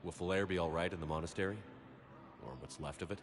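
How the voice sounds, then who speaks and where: An actor playing a steady, direct human military commander in a video game, matter-of-fact. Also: male voice, low voice, fast, close to an everyday voice. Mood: calm. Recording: long reverb, faint ambient noise.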